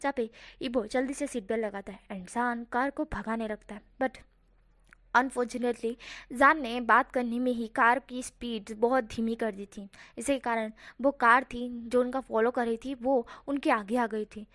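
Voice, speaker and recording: Brief: high-pitched woman, casual fan-story narrator, chatty with self-corrections. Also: fairly even intonation, unhurried, fairly bright tone, no echo, clean studio sound. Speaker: fanfiction narrator.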